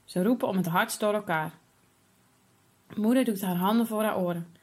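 Husky woman reading a children's story. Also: medium pitch, normal speed, a little mellow.

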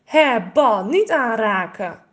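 A woman voicing a practical, gently teasing mother in a storybook reading. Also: fairly high pitch, very animated, slow pace, exaggerated voice.

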